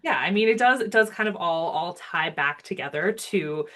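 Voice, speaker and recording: Interview guest: a woman with a low voice, earnest, filler-heavy delivery. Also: expressive, moderate pace, a bit bright. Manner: earnest, speaks with many ums and restarts. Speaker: guest, wildlife rehabilitation board member. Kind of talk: casual interview talk.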